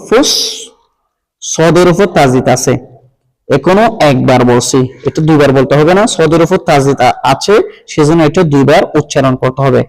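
Slow, patient man spelling syllables aloud. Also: a little high, darkish tone. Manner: patient, repetitive, spells syllables then blends them. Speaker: Quran reading teacher. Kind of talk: slow spelling drill, letter by letter. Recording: long hall reverb.

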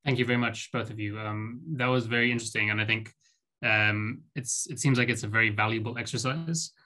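A man with a bright, fairly low voice moderates a video call with halting phrasing. He is heard from somewhat far from the mic. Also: steady tone. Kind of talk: webinar moderation.

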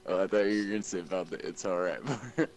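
A man's voice: sits low, fast talker, a little mellow, slight background noise. A man playing a video game with a friend, laid-back and teasing, laughing often. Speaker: gamer co-op player. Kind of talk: casual gaming chat.

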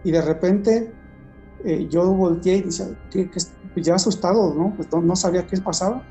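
Man recounting a vision, mellow. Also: high voice, faint music behind. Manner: halting storytelling with many restarts. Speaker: guest giving testimony. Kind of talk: personal testimony in conversation.

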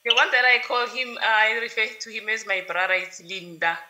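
A woman, a congregant answering a prophet with hesitant, soft replies. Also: fairly high pitch, fairly quick, low-quality recording.

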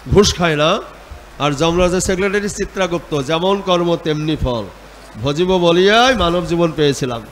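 A man's voice: high voice, a bit bright, a little hiss or hum. A man teaching and leading a group in devotional chanting, giving hand instructions and urging them to chant with an open mind. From Bengal. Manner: exhorting, calls out and leads group chanting. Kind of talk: guided devotional chanting lesson.

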